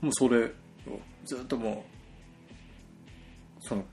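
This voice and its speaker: A man co-hosting a casual podcast chat, chatty and full of quick asides. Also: mid-range voice, a little mellow, faint music behind. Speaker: podcast co-host.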